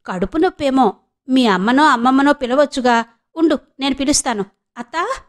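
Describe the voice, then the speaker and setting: A woman's voice: high voice, normal speed, natural voice. A woman voicing a tired, passive young husband who placates his wife. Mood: sleepy.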